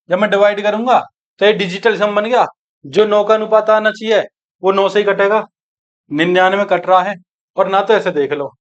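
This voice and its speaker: High-voiced man teaching maths, muffled. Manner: talks through calculations aloud, asking and answering his own questions; addresses students as friends and brothers. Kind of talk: exam-prep maths lesson.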